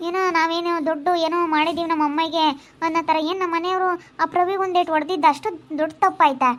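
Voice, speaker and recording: A woman's voice: very high voice, steady tone, fast talker. A woman acting a tearful young pregnant wife who keeps complaining about how her family hurts her, speaking while crying. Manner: plaintive, complaining. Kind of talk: amateur family drama.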